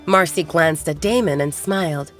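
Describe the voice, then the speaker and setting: Her voice sits low and moves at a normal speed as she narrates a romance audio drama from a script, audiobook fashion. A music bed runs underneath.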